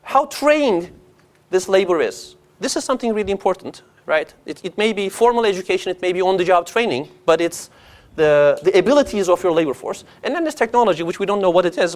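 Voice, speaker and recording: Man, high voice, lively swooping intonation, conversational economics lecture, frequent questioning tags. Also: fairly quick. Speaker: economics professor.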